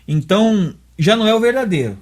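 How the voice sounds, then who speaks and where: A man with a Brazilian Portuguese accent teaches a religious lesson in an explanatory dialogue, going step by step and often using tag questions to check that his listener follows. His voice is high and sing-song, and he speaks briskly.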